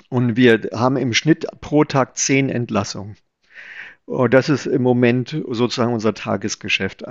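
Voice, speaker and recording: Here the same kind of guest speaks: a middle-aged nephrology chief physician from Germany, Palatinate-born and Berlin-raised, describing his job in a chatty podcast interview full of hesitations. He has a mid-range, slightly mellow voice with vocal fry and no echo, captured in a dull, dry remote recording.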